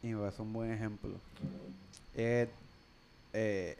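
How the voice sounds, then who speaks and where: A man's voice: lowish voice, flat delivery, slow pace, a little mellow, slight background noise. Blunt Puerto Rican man, swearing casually. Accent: Puerto Rican Spanish. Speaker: podcast co-host. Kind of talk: casual chat.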